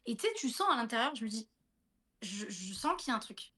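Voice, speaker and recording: A woman's voice: fairly high pitch, sing-song, fairly quick, pushed and bright. A woman in her thirties, a guest telling a personal story in a casual livestream chat, full of fillers and restarts, often speaking directly to her listener.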